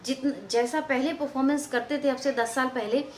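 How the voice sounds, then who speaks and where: A woman's voice: high-pitched, moderate pace, reverberant, a little hiss or hum. A woman who works as a theatre and film actor gives a lecture on acting. She acts out sample lines and repeats phrases for emphasis. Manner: expressive, acts out example lines and stresses.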